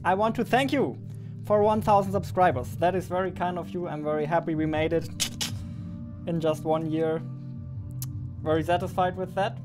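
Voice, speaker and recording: A man's voice: high voice, steady tone, normal speed, pauses often, over music. Chatty German-accented young man. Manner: chatty, self-deprecating, laughs often. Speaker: game developer vlogger. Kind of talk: casual vlog.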